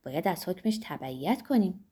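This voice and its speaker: A woman's voice: lowish voice, animated, mellow, husky. A woman reading the lines of a stern male village priest in an audiobook, speaking in a preachy, disapproving way.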